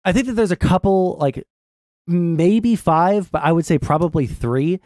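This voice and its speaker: A young adult man hosting a stream, explaining his political views casually in a measured, halting way. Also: sits high, darkish tone, no echo, clean studio sound. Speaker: streamer host. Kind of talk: casual political discussion over a game stream. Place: small indoor streaming room. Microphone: close desk mic with headset.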